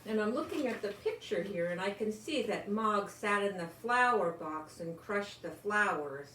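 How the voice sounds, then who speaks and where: Reading a children's picture book with plenty of expression, an older woman lingers over words and throws in chatty remarks for small listeners. Her mid-range voice is a bit bright, with lively intonation and a moderate pace, recorded in a roomy home space with faint noise.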